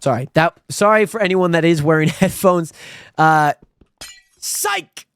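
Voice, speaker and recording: Speaking a little slowly, a young man in his 20s from Spokane, Washington chats casually on his stream and reads out viewer comments. He's friendly and rambling, animated by abrupt high-pitched jumps, and the studio-quality recording is dry with a clean tone.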